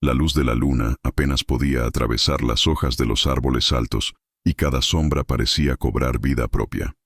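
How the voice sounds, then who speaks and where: A man narrating a horror story in a dramatic, measured storytelling manner. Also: extremely low pitch, fairly bright tone, husky, no echo, studio quality.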